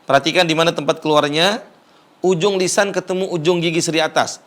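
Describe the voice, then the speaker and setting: A man with an Indonesian accent, teaching Quran recitation slowly and patiently, repeating sounds for viewers to copy. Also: a little high, fairly even intonation, a bit bright. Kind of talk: Quran recitation lesson with chanted verses. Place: studio.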